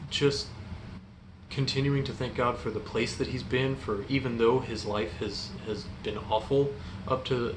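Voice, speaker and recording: A young man giving an informal youth group sermon in an earnest, halting, hesitant way. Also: medium pitch. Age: young adult. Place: indoor room in front of a stone fireplace. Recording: echoey room, clear background noise.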